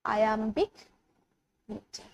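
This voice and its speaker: A woman with a Bengali accent teaching an English poetry lesson online, explaining in Bengali mixed with English terms and reading the poem's lines slowly. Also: on the high side, vocal fry, low-quality recording. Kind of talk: online exam-prep lecture.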